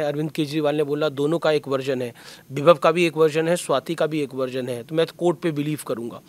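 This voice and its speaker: A man hosting a formal studio interview. His voice sits a little high for a man, and he asks pointed questions at a measured pace. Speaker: host.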